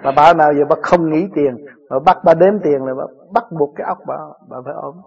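A Southern Vietnamese man speaks as a spiritual teacher, answering disciples with homely stories and frequent chuckles. His voice sits a little high. The recording is dull and lo-fi, like an old tape. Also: fast, creaky, darkish tone, breathy edge. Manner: chuckling, plain-spoken storytelling.

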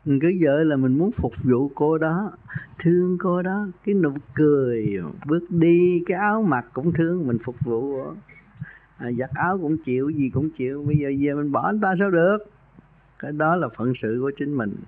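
A man's voice: on the high side, moderate pace. A man who is a spiritual teacher, advising a caller on meditation practice during a radio call-in. He speaks in a folksy, earnest way and raises his voice for emphasis. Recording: narrow phone-like radio sound.

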